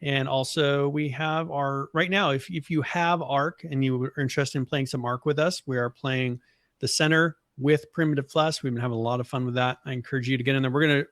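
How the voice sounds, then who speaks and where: A man from the American Northwest co-hosting a podcast in casual chat, talking in a relaxed, rambling way with lots of fillers. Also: medium pitch, fairly quick, dry recording, clean studio sound. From Boise, Idaho area of the US. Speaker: podcast co-host.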